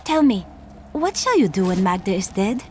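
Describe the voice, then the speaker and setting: A woman's voice: mid-range voice, sing-song, slight background noise, close to an everyday voice. A woman playing a solemn, earnest enchantress with formal speech in a video game. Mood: curious. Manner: formal, measured declarations. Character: solemn ancient enchantress, young-sounding and earnest.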